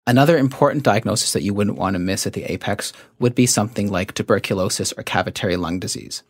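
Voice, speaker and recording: Speaking as an expert guest in a medical interview, a man with a fairly low, slightly breathy voice explains things methodically and didactically in measured phrases. The recording is dry, with little room echo.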